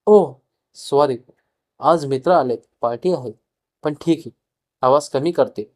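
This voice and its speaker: A man's voice: on the high side, unhurried, darkish tone, dry recording, studio quality, close to an everyday voice. A man voicing a cheerful, talkative young woman neighbor who speaks in a playful, teasing way.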